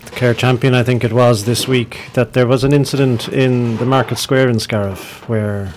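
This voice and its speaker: Background noise sits behind a man's mid-pitched voice. He talks casually as a radio co-presenter, putting questions in conversation. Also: fairly even intonation, moderate pace, a little mellow.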